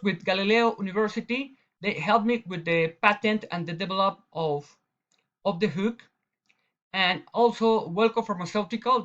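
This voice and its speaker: A woman with a strong Latin American Spanish accent presents a new surgical instrument from slides. She speaks in a halting, careful way and often restarts her phrases. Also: mid-range voice, fairly bright tone, highs cut off.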